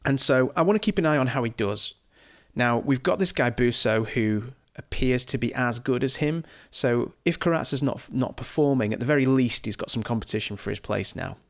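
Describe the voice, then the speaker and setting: A man giving chatty, excitable let's-play commentary over a football management game, reacting loudly to the match. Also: medium pitch, normal speed. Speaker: gaming YouTuber.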